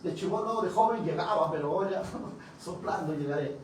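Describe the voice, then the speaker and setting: A man's voice: sits high, fairly quick, a little mellow. A man, a pastor giving a testimony sermon who tells the story dramatically and acts out the dialogue. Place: church hall. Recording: very echoey, distant, noisy church room.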